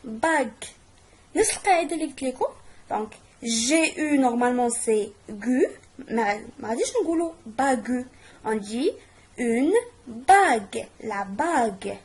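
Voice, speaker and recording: A woman with a Moroccan accent teaching French pronunciation, explaining rules slowly and clearly as a teacher. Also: fairly high pitch, lively intonation. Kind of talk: language lesson.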